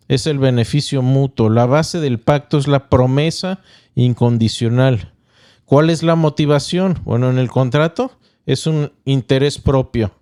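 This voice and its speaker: Mellow, smooth-voiced male pastor teaching. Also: medium pitch, no echo, studio quality. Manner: explains point by point, checks in with listeners; measured, with small stumbles and restarts. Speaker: pastor and podcast host. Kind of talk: teaching podcast talk.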